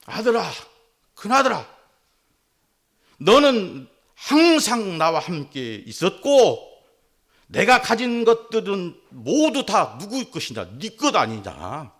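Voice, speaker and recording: A man preaching a sermon, voicing a loving old father who pleads slowly and earnestly with his son. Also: sits high, sing-song, fairly bright tone, pitched above the performer's own voice, heavily acted. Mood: pleading. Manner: slow, raised and earnest.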